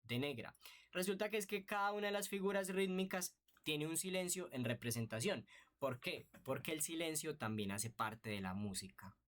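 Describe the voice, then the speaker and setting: A man gives a beginner's online music lesson in a voice pitched a little above the usual for men. He explains step by step and keeps checking in with short rhetorical questions. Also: lively intonation, moderate pace, fairly bright tone. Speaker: music teacher.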